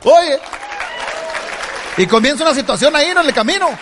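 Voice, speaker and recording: A man's voice: very high voice, lively intonation, brisk, crowd noise, noisy background. A middle-aged man telling a humorous life story to a live audience, joking and laughing as he goes. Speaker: speaker giving a testimony. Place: stage before an audience.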